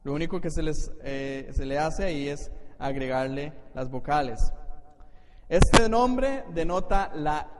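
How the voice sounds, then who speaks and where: Speaking at a measured pace in a fairly high voice, a Costa Rican pastor explains scripture to his congregation during a Bible study. His accent is Costa Rican Spanish, and the church hall recording is echoey with faint noise.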